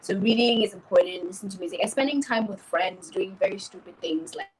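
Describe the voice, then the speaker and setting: This journalist, entrepreneur and podcast host, a French speaker born in Cameroon who grew up in Tanzania, chats informally about herself during an interview. Her mid-range voice is brisk, and the rough recording carries a little hiss or hum.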